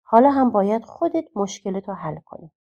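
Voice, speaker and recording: A woman's voice: medium pitch, sing-song, warm tone, dull audio. A woman doing a wise reproachful old wizard. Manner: reproachful but forgiving. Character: wise stern old man with magic.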